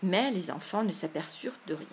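A woman reading a classic adventure story aloud as narrator, measured and expressive. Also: fairly low pitch, a little hiss or hum. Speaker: audiobook reader.

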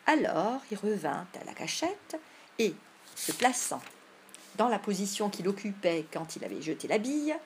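A woman reading a classic novel aloud as narrator, in a measured storytelling manner. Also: medium pitch, big pitch swings, a little hiss or hum. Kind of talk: audiobook narration.

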